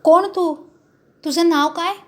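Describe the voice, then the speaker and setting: A woman's voice: very high voice, fairly even intonation, takes it slowly, pitched above the performer's own voice. A woman voicing a fierce, menacing male outlaw chief who barks orders in a storybook reading. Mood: demanding. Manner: barking orders and threats.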